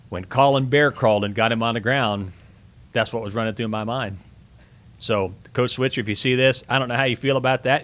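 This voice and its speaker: This middle-aged man, a sports broadcaster appearing as a podcast guest, tells sports stories casually with reflective, emphatic phrasing. His voice sits in the mid range and has a sharp tone.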